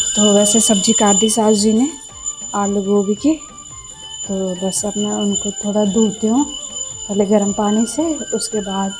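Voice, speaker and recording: A young woman talks casually through a home cooking vlog and keeps addressing her viewers as friends. Her voice is mellow and warm, recorded on a clip-on mic in a home kitchen, with faint music behind her. She is hot and itchy from the heat. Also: medium pitch, poor audio. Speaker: home vlogger.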